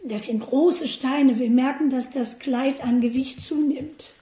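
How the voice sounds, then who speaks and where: A woman's voice: sits high, measured pace, dark tone, echoey room. A woman preaching a sermon, often asking the congregation questions.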